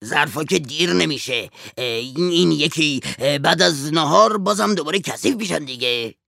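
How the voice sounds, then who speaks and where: A broke, bossy father hems and stammers, his voice gravelly yet bright and edged, recorded dry and close. A man acts him out in a story recording. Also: a little high, expressive, no room sound, heavily acted. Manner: hesitant, stammering with filler sounds. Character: broke, fast-talking father, wheedling and bossy. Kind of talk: audiobook voice acting.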